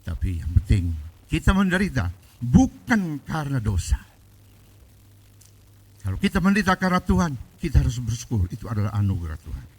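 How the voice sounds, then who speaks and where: A man preaching a sermon, his voice husky and a little breathy. He tells a story and slips into the voices of the people in it. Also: medium pitch, sing-song, fairly quick, pauses often, darkish tone, poor audio. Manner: storytelling, quoting people in their own voices. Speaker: pastor.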